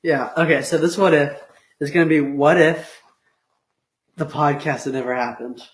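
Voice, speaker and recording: A man's voice: on the high side, normal speed, reverberant, poor audio. A teenage boy co-hosting a podcast, chatting casually and teasing his friend, with lots of "um" and "like". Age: teens. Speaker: podcast co-host. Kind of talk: casual chat.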